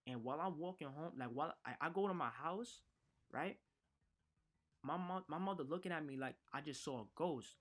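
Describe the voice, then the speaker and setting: A man's voice: a little high, moderate pace, a bit bright. Man rambling through a storytime in slang. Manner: rambling, full of slang and restarts. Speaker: vlogger. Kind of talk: casual storytime.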